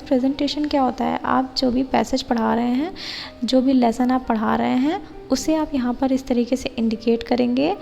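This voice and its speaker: High gravelly woman explaining a lesson plan. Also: mellow, long reverb tail, rough recording. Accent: Indian. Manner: explanatory, slow read-outs of English lines. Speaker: teacher-training tutor.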